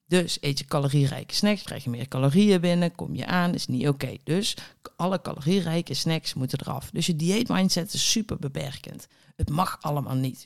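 Chatty woman with a gravelly edge. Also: fairly low pitch, a little mellow. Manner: chatty and blunt, with mild swearing and acted inner voices. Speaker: podcast host and diet coach. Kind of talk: casual solo podcast monologue.

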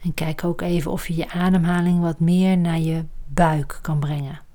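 A woman leading a guided relaxation exercise, speaking calmly and softly and often trailing into breathy near-whispers. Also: sits low, moderate pace.

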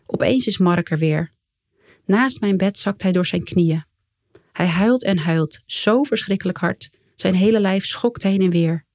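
A woman reading her own memoir aloud in a calm, measured way, quietly voicing the lines of the people in it. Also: medium pitch, no room sound, clean studio sound. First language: Dutch. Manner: calm, measured storytelling with quiet quoted dialogue. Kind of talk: first-person memoir reading.

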